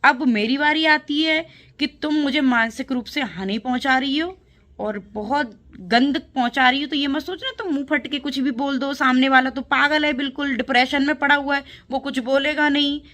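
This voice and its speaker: A woman's voice: high voice, normal speed, sharp tone. Indignant woman lecturing her critics. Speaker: vlogger. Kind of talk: direct-to-camera reply to critics.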